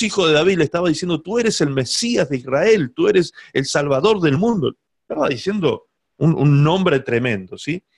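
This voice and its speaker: A male preacher giving a sermon, often checking that the listeners follow along. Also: a little high. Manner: asks the congregation "¿sí?" to check they follow, animated.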